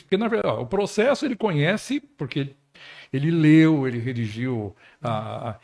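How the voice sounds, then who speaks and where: A man's voice: medium pitch, creaky, a little mellow. A man with a Brazilian accent, hosting a podcast and asking questions with hesitant restarts. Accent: Brazilian Portuguese. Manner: hesitant, restarts his phrasing. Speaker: podcast host. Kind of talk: interview questions.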